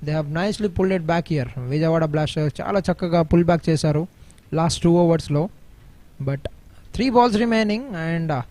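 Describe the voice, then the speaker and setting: A man with an Indian accent giving analytical cricket commentary, switching between English and Telugu with hesitant pauses. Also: fairly high pitch, mellow.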